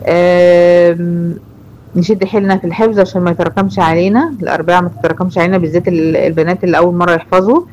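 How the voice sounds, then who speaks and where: A woman with an Egyptian accent teaching a Quran recitation lesson to girls. She explains the rules slowly, repeats examples and checks that her students follow. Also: lowish voice, steady tone, darkish tone, highs cut off, slight background noise. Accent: Egyptian Arabic. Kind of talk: online tajweed lesson.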